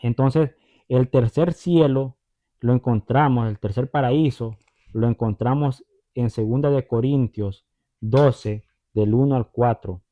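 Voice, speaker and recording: A man's voice: medium pitch, unhurried. Preacher guy teaching the bible casually, keeps asking if you follow, sounds like a tinny phone line. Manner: chatty, checks in with tag questions; retells stories, acting out the voices.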